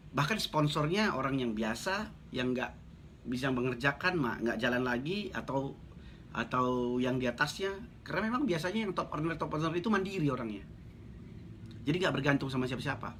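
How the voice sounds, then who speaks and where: A man's voice: mid-range voice, fairly bright tone, a little hiss or hum. A man talking blunt and casual on a live stream, reading out viewer comments and joking as a network marketing coach. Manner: blunt, joking, chatty, laughs often.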